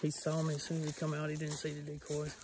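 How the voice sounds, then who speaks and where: Out on rural land with a self-filmed camera, a hunting vlogger talks casually and rambles, restarting often and using plenty of fillers. His voice is on the high side, fast, and completely flat, with background noise in the recording.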